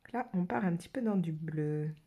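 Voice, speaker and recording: A French woman talks through a watercolour demo in a relaxed, chatty way. She thinks aloud and uses a lot of fillers. Her voice sits low and sounds mellow and soft. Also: brisk. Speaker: watercolour channel host. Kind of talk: casual art demo narration.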